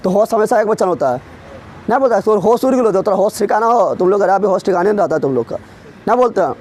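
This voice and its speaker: A man leads an exam-prep grammar lesson in a high-pitched voice. He drills students with constant rhetorical questions, answering them himself and teasing the class as he goes. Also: animated, fast talker, a little mellow. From Bihar. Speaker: teacher.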